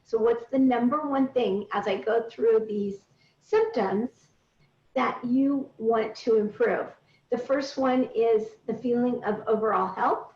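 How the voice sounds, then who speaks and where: A middle-aged woman with a fairly high voice speaks a little slowly, coaching a group step by step in an instructive way. She's indoors on a recorded group video call, and the audio sounds roomy, distant and dull.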